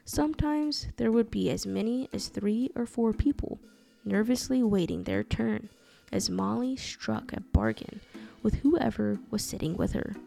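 Gravelly woman narrating a dark tale. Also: on the high side, sing-song. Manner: dramatic, measured reading. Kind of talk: scripted storytelling narration. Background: soft music.

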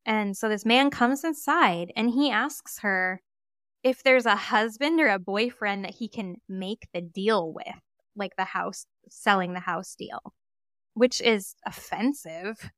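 A woman co-hosting a true crime podcast, retelling a case in an animated, casual way and acting out quoted witnesses. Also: mid-range voice, slow pace, dry recording, clean studio sound. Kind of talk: casual storytelling.

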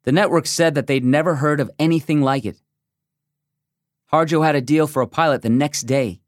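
A man from the United States giving a measured, reflective first-person reading of a magazine essay. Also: on the high side, no room sound, clean studio sound. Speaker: essay reader. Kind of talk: scripted narration of a magazine essay.

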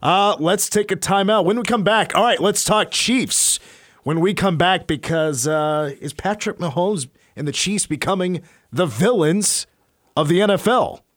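A man's voice: sits high, a little slow, no echo, studio quality. An American man hosting sports radio, switching between casual talk and punchy promo reads. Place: radio studio. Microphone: close studio mic.

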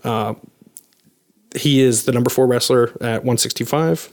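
A man's voice: medium pitch, moderate pace. A man co-hosting a sports podcast, breaking down results analytically with frequent "um" and "you know" fillers. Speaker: podcast co-host.

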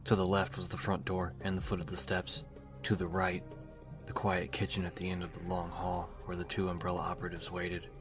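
A man reading a novel aloud as an audiobook narrator, telling the story in a steady, even way. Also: low-pitched, brisk. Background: music.

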